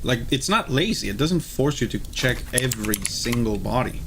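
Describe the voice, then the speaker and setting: A man's voice: medium pitch, lively intonation, moderate pace, background noise. A man hosting a game playthrough, chatting casually in a playful, rambling, sweary way with game music behind him. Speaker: video game playthrough host. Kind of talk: casual gameplay commentary.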